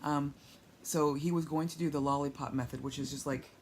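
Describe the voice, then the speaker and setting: Recovering from surgery, a woman vlogs from home on a handheld tablet held above her as she lies down, and a faint hiss or hum is audible. Her deep, steady voice moves briskly while she rambles frankly and wryly, sounding weak and sore.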